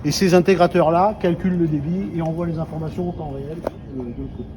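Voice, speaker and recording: Speaking fast in a steady tone over a noisy crowd, a man with a voice on the high side shows visitors around a water treatment plant as a company executive. He explains things informally and colloquially, making the technical points simpler. The sound is dull and full of ambient noise.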